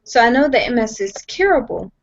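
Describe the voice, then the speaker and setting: Over dull, lo-fi video call audio, a young woman at home recounts her personal story in a fairly high, sing-song voice, talking a little fast. As a guest sharing her experience, she is earnest and emphatic and tends to repeat herself and start sentences over.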